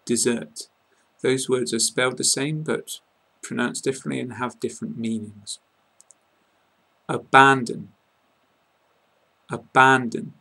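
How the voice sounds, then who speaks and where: A man with a British English accent giving a slow, careful pronunciation lesson, saying each word deliberately. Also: mid-range voice, steady tone, gravelly, poor audio. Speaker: English teacher.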